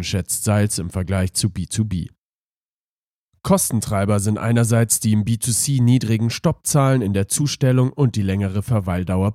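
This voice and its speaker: Congested man reading a report, mellow and dry. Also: lowish voice, no echo. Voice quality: congested, nasal from a cold. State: has a cold. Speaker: podcast host. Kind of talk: scripted podcast narration, magazine report.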